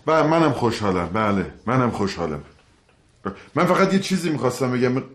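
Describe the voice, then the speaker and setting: A man's voice: mid-range voice, big pitch swings, a bit bright. A man playing a harried psychologist who protests his brother's schemes in a sitcom. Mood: soothing. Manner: exasperated, protesting. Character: harried psychologist, a grown son. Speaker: psychologist Nima. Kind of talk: sitcom acting.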